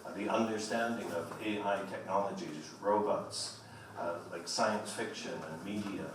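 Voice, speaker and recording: A man hosting an evening lecture, giving a formal but loose introduction in a halting manner with repeated phrases. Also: on the low side, fairly even intonation. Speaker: host introducing a guest speaker. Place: large echoey indoor room at a public lecture. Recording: echoey hall, distant mic, faint noise.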